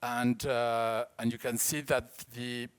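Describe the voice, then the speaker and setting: A man's voice: medium pitch, level tone, clear, resonant tone. French-accented man giving a talk. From France. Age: 50s. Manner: halting, restarts words, explanatory. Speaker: auction house director. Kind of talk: conference talk.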